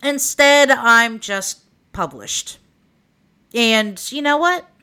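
A woman's voice: a little high, extremely slow, pushed and bright, clear, resonant tone. A woman of about forty with an Oklahoma accent, hosting a podcast in a candid, informal, wry conversational monologue. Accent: Oklahoma (Okie). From Oklahoma, United States. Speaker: podcast host. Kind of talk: conversational personal monologue for a true crime podcast.

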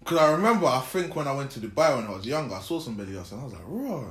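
A man's voice: medium pitch, expressive, racing. A young man with a London roadman accent, chatting casually with slang. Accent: London, Multicultural London English roadman. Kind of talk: casual chat in street slang. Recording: echoey room.

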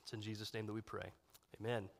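A pastor preaches a sermon conversationally, with fillers, his voice congested and nasal from a sinus infection. He speaks fast in a lowish, gravelly voice with little pitch movement. The church sanctuary adds long hall reverb.

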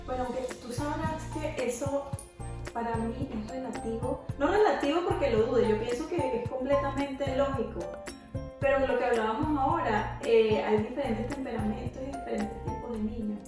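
A middle-aged woman with a high voice talks in a casual, animated way and acts out quotes as she goes. She sits back from the microphone in a very echoey room. Music plays clearly under her. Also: normal speed, recorded from a distance. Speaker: co-host. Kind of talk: casual chat.

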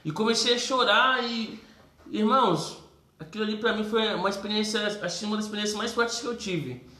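A man with a Brazilian Portuguese accent telling a testimony story in a casual, animated way, acting out voices and calling listeners brothers. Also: high voice, fairly quick. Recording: roomy echo.

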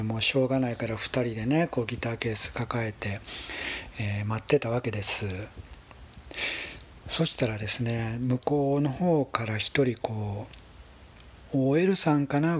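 A man with a husky voice, telling a story in a casual, polite monologue with gentle pauses. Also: medium pitch, slight background noise. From Kansai, Japan. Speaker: solo talk show host.

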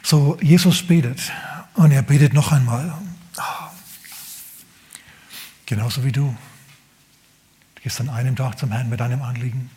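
A male pastor preaching a sermon, telling a story with animated emphasis, repeating words and dropping to whispers. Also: mid-range voice, measured pace, long pauses.

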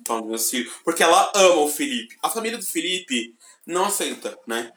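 A man with a deep voice, co-hosting a podcast and telling stories with excitement and sudden shouted bursts. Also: a little fast. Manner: excited storytelling, bursts of shouting when retelling. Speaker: podcast co-host. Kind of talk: casual chat. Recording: roomy echoey room.

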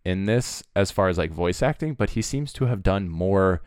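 A man's voice: low voice, expressive, normal speed, darkish tone, smooth, no room sound, clean studio sound. A man co-hosting a podcast, chatting casually and enthusiastically about a cartoon's voice cast, rambling with fillers. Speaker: podcast co-host. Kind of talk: casual chat.

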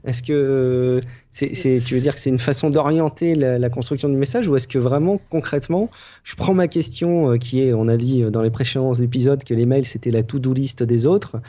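A man chats casually as a podcast co-host, his voice warm and mellow. He talks in a halting way, with frequent fillers and restarts. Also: medium pitch. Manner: hesitant, many fillers and restarts. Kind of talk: casual chat.

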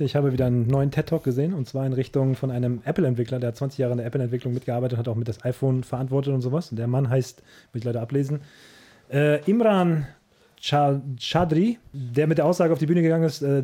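Fast-talking man with a dark voice. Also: medium pitch. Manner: explains at length, many fillers like "äh" and "quasi". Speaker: podcast host. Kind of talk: casual podcast chat.

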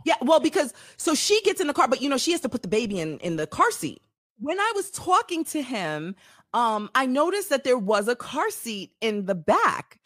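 Animated woman acting out dialogue. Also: sits high, moderate pace, dry recording, clean studio sound. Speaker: podcast co-host telling a personal story. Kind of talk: casual chat.

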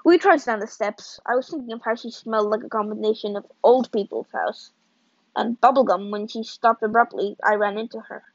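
A woman reads a novel aloud at a steady storytelling pace, her voice sitting a little high. The sound is close and dry with no room echo, and the recording is dull and lo-fi. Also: a little fast. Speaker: audiobook reader.

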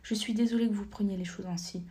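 A woman's voice: medium pitch, steady tone, quick pace, dark tone, breathy edge. A woman voicing an elderly grandfather in a storybook reading, pleading and conciliatory. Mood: soothing. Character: elderly grandfather, worried but placating.

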